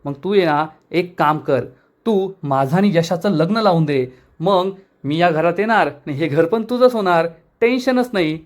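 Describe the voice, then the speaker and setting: Man quoting a cheeky young woman, playful, teasing, fairly high voice. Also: lively intonation, normal speed. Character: cheeky, carefree young woman, lovestruck daughter.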